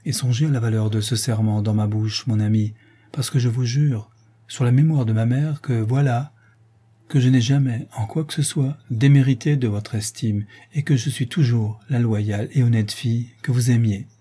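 A man voicing a young fiancée who speaks softly but firmly, with solemn resolve, in a read-aloud novel. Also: mid-range voice, steady tone, moderate pace, breathy edge, natural voice. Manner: soft yet resolute, solemn. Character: young woman, gentle but firm fiancée.

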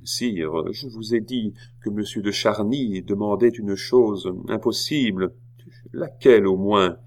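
A man's voice: on the low side, slow, a little mellow. A man voicing an anxious cornered queen. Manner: tense, faltering.

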